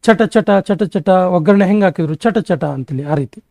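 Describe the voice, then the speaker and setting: High-voiced man rattling off grammar lists. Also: warm tone, no room sound. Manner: brisk, rattles off word lists. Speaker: exam-prep teacher. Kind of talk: grammar lesson.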